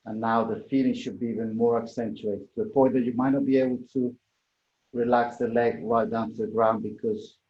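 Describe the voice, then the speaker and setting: A man's voice: mid-range voice, steady tone, brisk, a little mellow. A man instructing a yoga class in a conversational way, correcting himself as he demonstrates the moves. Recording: echoey room, dull muffled sound.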